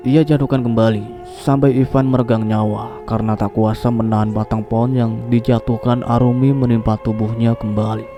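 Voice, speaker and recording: Male horror story narrator over music. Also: mid-range voice. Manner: steady storytelling reading. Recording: voice over clear background music.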